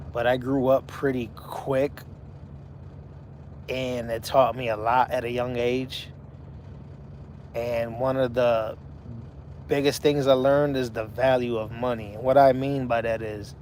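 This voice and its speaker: 40ish guy chatting on his live stream, pretty monotone, faint road noise in the background. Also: mid-range voice. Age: 40s. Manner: laid-back, talks to chat viewers by name. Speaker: livestream host. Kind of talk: casual live chat.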